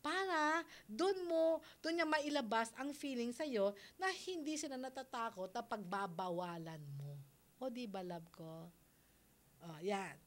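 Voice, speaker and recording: Middle-aged woman, radio advice host, slightly high voice, chatty and quick to laugh, studio mic. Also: expressive. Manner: chatty, mixes English phrases into Tagalog, laughs easily. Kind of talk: radio advice talk on parenting.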